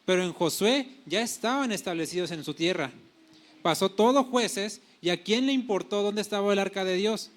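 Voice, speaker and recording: High-voiced male pastor preaching. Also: moderate pace. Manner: preaching with paraphrased dialogue and self-corrections. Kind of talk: sermon.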